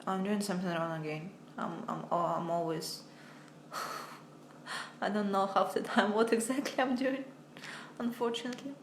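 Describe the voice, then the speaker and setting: A young American woman with a mid-range voice teaches English on a casual livestream, speaking into her phone at home. Her intonation stays fairly even and her pace measured, and she's chatty and hesitant, often laughing at herself. The room echoes and there's a little hiss or hum.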